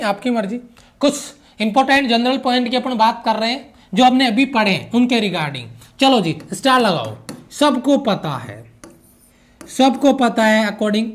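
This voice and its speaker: A man giving an online physics lecture who repeats key phrases, mixes English physics terms into his explanation and keeps checking that the students follow. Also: very high-pitched. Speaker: physics teacher.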